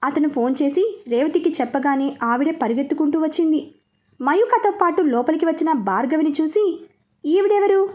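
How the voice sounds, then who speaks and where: A woman narrating a romance story in a lively storytelling way. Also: high voice, moderate pace.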